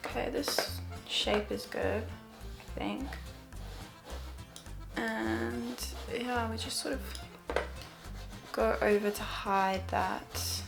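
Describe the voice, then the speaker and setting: A woman's voice: on the high side, fairly even intonation, extremely slow, gravelly, long pauses. A woman talking casually through a photo editing tutorial, thinking aloud hesitantly and often repeating her words. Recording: music playing behind the voice. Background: music.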